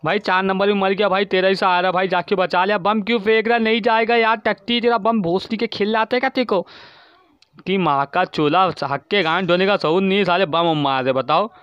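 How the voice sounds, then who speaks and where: A man giving profane, frantic commentary while playing an online shooter, constantly shouting at his teammates, recorded on a dull lo-fi mic. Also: high voice, fairly even intonation, a little fast, smooth, no room sound. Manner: swearing, yelling at teammates. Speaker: gaming streamer.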